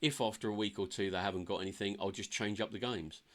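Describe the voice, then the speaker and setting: A man's voice: lowish voice, fairly even intonation, fast, fairly bright tone. A man chatting casually at the start of a live game stream, upbeat and a bit tired, with lots of fillers.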